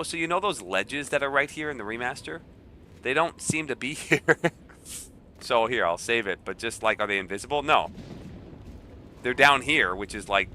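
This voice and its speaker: A man's voice: lowish voice, pushed and bright, slight background noise. A man streaming a video game in casual chat, nasal and a bit stuffy from a cold, joking and reacting aloud as he plays.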